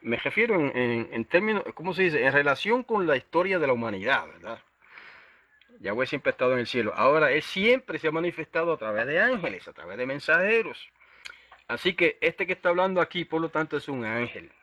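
A man's voice: fairly high pitch, big pitch swings, fairly quick, bright, forceful tone, dry recording. A man preaching a Bible lesson, explaining Hebrew words and checking in with his listeners, with many restarts. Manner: hesitant, many restarts and fillers. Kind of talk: Bible teaching sermon.

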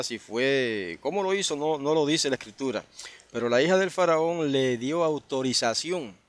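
Man, preacher, Bible study, conversational, tag questions, mid pitch. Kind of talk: Bible teaching.

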